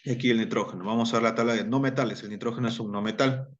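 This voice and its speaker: A man's voice: mid-range voice, fairly even intonation, very fast, muffled recording. A man teaching a chemistry lesson, explaining step by step, repeating key terms and checking in with his students.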